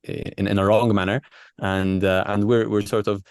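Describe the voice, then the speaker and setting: Male doctor as interview guest. Low-pitched, dry recording, hesitant, conversational explainer. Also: flat delivery, smooth, no echo. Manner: halting, hesitant phrasing with repeated words. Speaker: doctor and researcher being interviewed.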